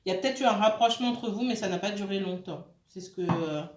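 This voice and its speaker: A woman's voice: medium pitch, fast, noisy background. A woman giving a casual tarot reading, hesitant, with many fillers and restarts, and often checking in with her listeners. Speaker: tarot card reader. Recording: roomy echo.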